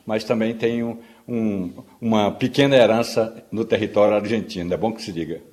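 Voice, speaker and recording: A man's voice: on the low side, fairly even intonation, normal speed, a little mellow. A man giving wry political commentary as a radio correspondent from a studio. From Pernambuco, Brazil.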